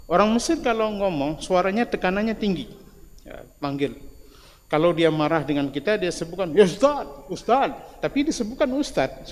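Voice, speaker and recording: Man preaching in a reverberant mosque. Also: high voice. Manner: conversational, often adding tag words between phrases. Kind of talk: mosque sermon. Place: mosque hall. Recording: long hall reverb, faint noise.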